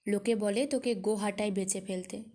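A woman voicing a poor older farmer who speaks softly and tenderly in sorrow. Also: medium pitch, steady tone, fairly quick, lightly acted. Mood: grieving. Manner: soft, tender, grieving.

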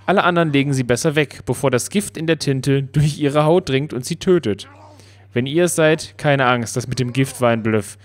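A man casually commenting on his own gameplay, playful and excitable, talking back to the game. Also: mid-range voice. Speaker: Let's Play commentator.

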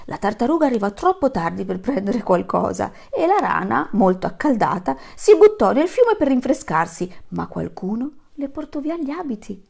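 A woman reads a storybook aloud to children with a lively, swooping voice. Her tone has a gravelly edge, and she tells the tale in an animated, dramatic way. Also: on the high side, normal speed, few pauses. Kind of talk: expressive read-aloud.

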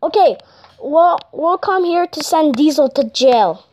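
A woman voicing a fussy, helpful police dispatcher in toy play, halting with many fillers. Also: high-pitched, lively intonation, a little mellow. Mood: excited.

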